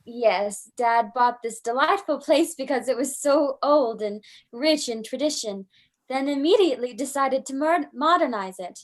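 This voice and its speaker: A woman with a high, lively voice and a measured pace plays a young, gracious daughter in an old-time radio-style drama. Her character is a polite American who has just become the new owner of a manor, and she sounds courteous, proper, and apologetic.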